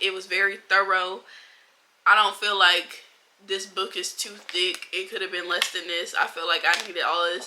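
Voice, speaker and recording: Bright, chatty young woman vlogger. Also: mid-range voice, slight background noise. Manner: animated, blunt and chatty, heavy slang. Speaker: book vlogger. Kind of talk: casual reading wrap-up chat.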